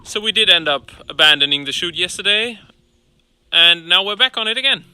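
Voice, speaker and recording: A man's voice: sits high, expressive, a little fast, bright, forceful tone, clear, resonant tone. A man hosting a travel vlog, talking casually in a wry, self-deprecating way. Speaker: vlog host.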